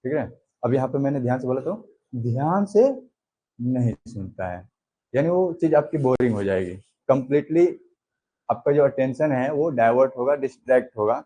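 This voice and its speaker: A man teaching a class at an unhurried pace, explaining step by step. His voice is mellow and dark, with a slightly husky edge. He lifts and drops his pitch to show examples. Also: rough recording. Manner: slow, unhurried explaining with demonstrative pitch changes. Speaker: commerce teacher. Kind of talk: classroom lecture.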